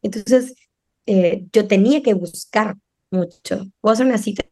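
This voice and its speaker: Speaking at a moderate pace in a medium-pitched voice, a middle-aged woman chats casually as a parenting guest on a podcast. She's animated, performing the voices of the parents and kids she quotes.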